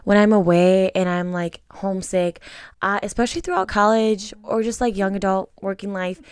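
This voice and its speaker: A woman's voice: mid-range voice, normal speed, clear, resonant tone. A young adult woman co-hosting a podcast in casual, emotional chat, full of fillers. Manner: emotional, animated, many fillers. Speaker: podcast co-host.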